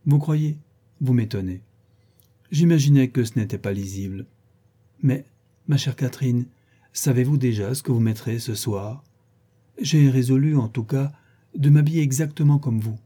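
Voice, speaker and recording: Brief: a man doing a flighty, effusive young lady in a storybook, raised pitch, dark husky tone. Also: normal speed, pauses often, close to an everyday voice. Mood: gushing. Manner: effusive, exaggerated, gossipy. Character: gushing, flattering young woman friend. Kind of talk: audiobook reading.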